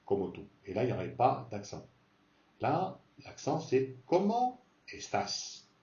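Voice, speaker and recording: A man teaching a beginner Spanish lesson, repeating words slowly to model pronunciation. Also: mid-range voice, expressive, mellow, reverberant, far from the mic, muffled recording.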